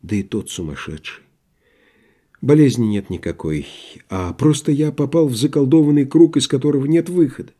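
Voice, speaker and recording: A man voicing an agitated middle-aged male provincial doctor who rants in a strained voice and later sinks into hushed despair. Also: lively intonation, moderate pace, lightly acted. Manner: shouting in a cracking high voice, then hushed and despairing.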